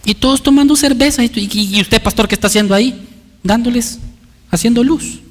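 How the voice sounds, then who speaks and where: Guy pastor preaching in a church, really high sharp voice, big long hall echo. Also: a little fast. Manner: emphatic, urging listeners with repeated appeals. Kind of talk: sermon. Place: church sanctuary.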